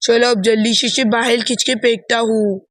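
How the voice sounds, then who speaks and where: A woman voicing a mischievous schoolboy in a doll story, creeping up on a snake in a hushed, boastful way. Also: fairly high pitch, fairly even intonation, normal speed, voice pushed down, close to an everyday voice. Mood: sneaky. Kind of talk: doll story play-acting.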